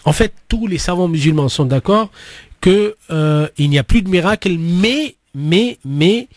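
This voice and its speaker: A man's voice: sits high, animated, a little slow, no room sound, studio quality. A man hosting an Islamic radio phone-in, explaining conversationally, repeating words and mixing in Arabic phrases. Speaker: radio host and Islamic teacher.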